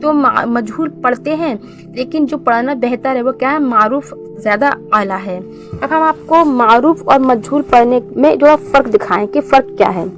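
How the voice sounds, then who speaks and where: Her voice is on the high side as she teaches beginners to read the Quran, faint music playing in the background. She works through syllables slowly and distinctly, answering her own questions along the way.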